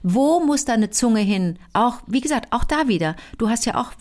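Woman co-host, somewhat high voice, casual, self-deprecating, quick to laugh. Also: lively intonation, darkish tone. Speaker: podcast co-host. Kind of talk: casual chat.

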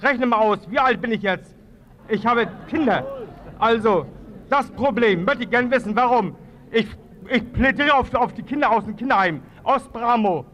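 A man in his thirties with a very high voice speaks at an open-air forum. He stumbles and restarts, repeating words as he presses his question. He talks into a handheld microphone. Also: normal speed, a bit bright, highs cut off, a little hiss or hum. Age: 30s. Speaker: father of three speaking at a public forum. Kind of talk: unscripted public appeal. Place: outdoor public square.

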